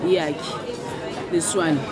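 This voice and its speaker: Slow, chatty woman vlogger. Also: fairly low pitch, steady tone, loud music behind the voice. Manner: chatty, keeps saying "guys". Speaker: lifestyle vlogger. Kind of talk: casual vlog. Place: airport terminal, then home kitchen. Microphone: phone at arm's length. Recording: phone video with crowd and background noise.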